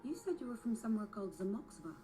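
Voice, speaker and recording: A woman voicing a calm, curious young guide in a video game, matter-of-fact and probing. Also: mid-range voice, rapid-fire, music in the background, close to an everyday voice. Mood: puzzled.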